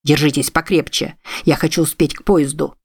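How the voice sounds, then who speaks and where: A woman's voice: low voice, fairly even intonation, moderate pace, a little mellow, breathy edge. A woman voicing a desperate, bearded former soldier who talks in an urgent, pleading, breathless way.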